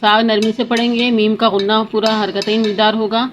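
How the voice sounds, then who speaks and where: Woman, fairly high voice, tajweed lesson, slow drawn-out chanting, quick explanations. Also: little pitch movement. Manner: slow drawn-out recitation, then rapid explanations. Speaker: Quran teacher. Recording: dull lo-fi sound with faint noise.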